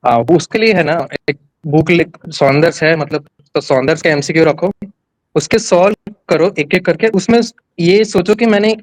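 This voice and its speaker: A man's voice: a little high, moderate pace, dry recording, poor audio. A young man from Gujarat, a nurse and exam topper, telling his story candidly and plainly, with many restarts. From Gujarat, India. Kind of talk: casual interview.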